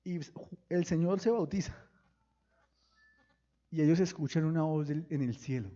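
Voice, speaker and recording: Man preaching with loud bursts. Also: fairly high pitch, a little slow, dull audio. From Colombia. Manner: preaching with questions to the congregation and sudden loud bursts. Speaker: pastor. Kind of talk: sermon.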